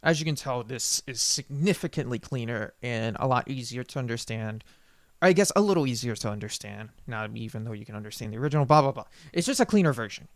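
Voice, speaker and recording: A man with a mid-range voice gives an unscripted software tutorial, rambling informally and frequently correcting himself. There is no room sound on the recording.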